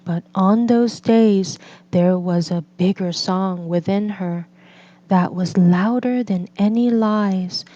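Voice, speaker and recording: At a very slow pace, a woman reads a children's picture book aloud in a mellow, mid-pitched voice, phrasing things gently and deliberately. She tells stories for children and English learners, and the recording sounds slightly dull and lo-fi.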